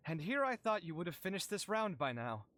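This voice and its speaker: A man's voice: high-pitched, very animated, fairly quick, heavy background noise. A man voicing an earnest, talkative young male architect in a game, with faint music behind.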